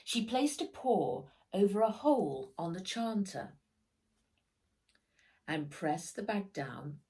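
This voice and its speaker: A woman with a medium-pitched voice reads aloud from the children's storybook she authored, bringing animated expression and dramatic emphasis to it.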